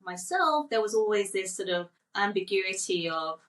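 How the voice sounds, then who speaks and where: A woman's voice: medium pitch, expressive, moderate pace, a bit bright, distant mic, poor audio. A woman in her forties, from Thailand, talking casually as a guest on a podcast and telling stories with light laughs. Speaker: children's book author.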